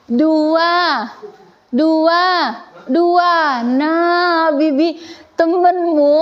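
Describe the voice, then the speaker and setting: A woman teacher speaks high in her range and keeps her students engaged with playful prodding and quick questions. She sounds like she is leading a lively lesson. The recording is muffled and lo-fi. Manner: playful, teasing, coaxing students. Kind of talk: classroom teaching.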